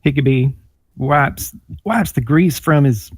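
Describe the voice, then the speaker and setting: Player, man, husky and gravelly, slow laid-back talk, dry close mic. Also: mid-range voice, dry recording. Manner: slow, laughing, casual. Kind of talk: casual tabletop play.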